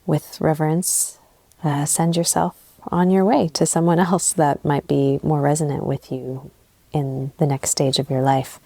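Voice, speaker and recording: A woman in her thirties from Southern California hosting an unscripted solo podcast, soft-spoken and reflective, a little sleep deprived, speaking into old earbud headphones while sitting on her bed. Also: deep voice, level tone, unhurried, no room sound. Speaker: podcast host and relationship coach. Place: bedroom, recording on her bed. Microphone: old wired earbud headphones mic.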